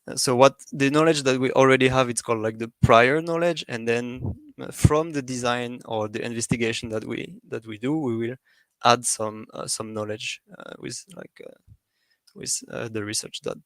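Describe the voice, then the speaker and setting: A man giving an academic presentation, talking in a halting way with many fillers and restarts. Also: mid-range voice, a bit bright, no echo.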